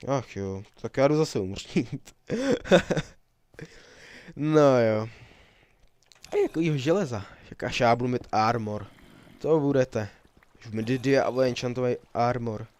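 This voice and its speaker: A young man talks his way through a survival game, rambling and cracking jokes as he goes. His voice sits at an ordinary middle pitch. The recording is dry, with no room sound around it. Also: a little mellow, clear, resonant tone, no echo. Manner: chatty, rambling, jokey, laughs often. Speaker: let's player. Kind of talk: casual gameplay commentary.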